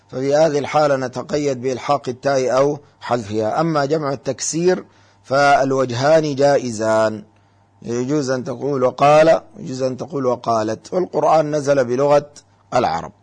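A man teaching on a call-in radio show, patient and measured, reciting verses and explaining their grammar point by point. His voice sits at an ordinary, middle pitch. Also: steady tone, a little mellow. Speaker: religious scholar answering callers.

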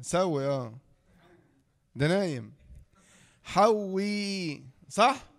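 A man with an Egyptian accent teaching a tajweed lesson, who asks the class questions, answers them himself, and slowly draws out the example sounds. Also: high-pitched, expressive. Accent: Egyptian Arabic. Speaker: Quran recitation teacher.

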